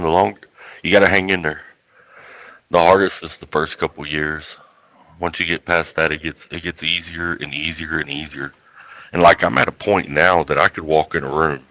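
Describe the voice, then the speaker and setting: A man's voice: a bass voice, bright, forceful tone, no echo, dull audio. A man with a South Texas accent chatting casually on a livestream in a folksy, rambling way. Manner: folksy, rambling, colloquial drawl. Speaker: YouTube host.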